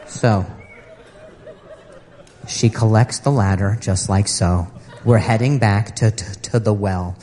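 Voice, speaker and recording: A man's voice: fairly low pitch, slow pace, long pauses, dark tone, some chatter behind. A man doing a stand-up comedy routine, telling a story about his wife in an exasperated, sarcastic way.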